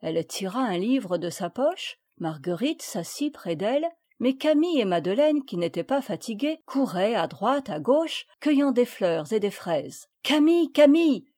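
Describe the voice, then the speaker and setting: A woman reading a children's classic aloud as an audiobook, in measured scripted narration. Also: mid-range voice, big pitch swings, mellow. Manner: measured, listing items evenly. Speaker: audiobook reader.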